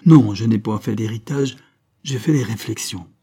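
A man's voice: on the low side, moderate pace, warm tone, breathy edge. A man voicing a proud, defensive mother in an audiobook reading, speaking curtly and firmly. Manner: curt and firm.

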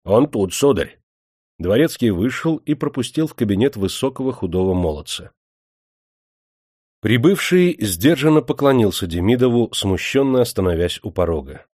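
A man narrating an audiobook in a measured, steady reading style. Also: mid-range voice, no room sound, clean studio sound. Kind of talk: scripted narration.

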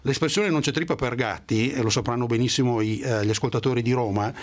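A man's voice: mid-range voice, fast talker. A male financial journalist explaining terms in a radio interview, with joking asides.

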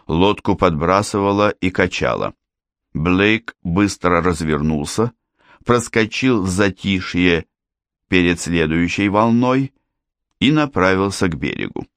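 A man narrating a thriller audiobook with steady, measured storytelling. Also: low-pitched, dry recording, studio quality.

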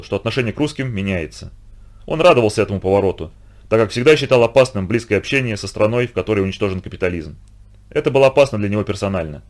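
A man narrating an audiobook in an even storytelling read. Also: mid-range voice.

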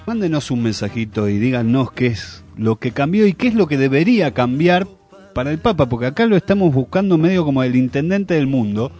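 A man's voice: mid-range voice, expressive, fairly quick, darkish tone, soft background music. A man with an Argentine accent co-hosting a radio show, teasing and cutting in with wry remarks. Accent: Argentine Spanish. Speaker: radio co-host. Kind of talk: casual radio banter.

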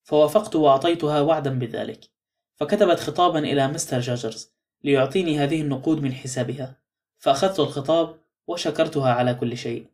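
A man narrates a novel in the first person as an audiobook, with steady storytelling. He reads at a brisk clip, and his voice sits a little high for a man.

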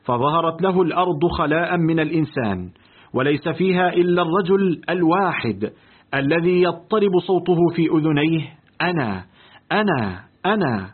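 A man narrating a literary audiobook in a deliberate, expressive reading. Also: fairly high pitch, husky. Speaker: audiobook reader. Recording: tinny, lo-fi phone-like audio.

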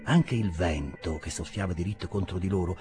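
A man's voice: low voice, brisk, music in the background. A man reading a classic novel aloud with theatrical, dramatic phrasing. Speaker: audiobook reader. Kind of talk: expressive literary narration.

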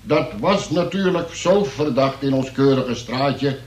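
Slow and expressive, this mid-range, slightly mellow voice belongs to an actor playing the same wry detainee who recounts his statement in mock-formal style as scripted first-person narration for a Dutch radio drama. The sound is roomy, with a distant mic.

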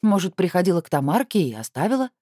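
A sly, teasing woman, as the reader plays her in an audiobook, her lines lifted high and swinging wide in pitch. Underneath, the voice stays mellow and dark in tone, recorded close and dry. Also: big pitch swings, quick pace, breathy edge, no echo. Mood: mocking. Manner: bright, teasing, raised voice. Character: sly, mocking woman feigning innocence. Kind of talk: audiobook character voice.

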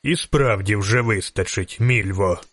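A man voicing a calm, composed male vampire who speaks coldly, slowly and low. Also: breathy edge, no room sound. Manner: cold, slow and measured.

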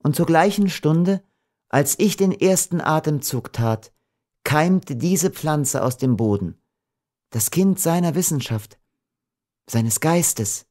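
A man reading an audiobook, voicing a gentle, doomed young woman in a raised, soft voice. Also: animated, takes it slowly. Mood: tender, pleading. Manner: soft, pleading, raised pitch.

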